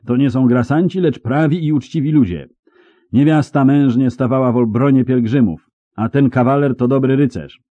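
A man reading an audiobook, voicing an earnest, old-fashioned knight who declaims loudly and solemnly. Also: medium pitch, measured pace, dry recording, lo-fi sound, pitched above the performer's own voice, natural voice. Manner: loud, solemn, archaic declaiming.

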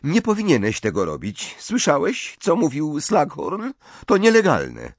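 A man's voice: a little high, huge pitch swings, unhurried, dry recording, voice pushed up, exaggerated voice. A man voicing a reproachful teenage schoolgirl witch, lecturing in a raised voice. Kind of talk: audiobook character voice.

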